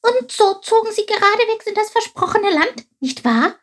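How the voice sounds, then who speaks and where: A woman voicing an excitable, curious young male creature who keeps asking eager questions. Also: very high voice, moderate pace, pitched above the performer's own voice, full character voice.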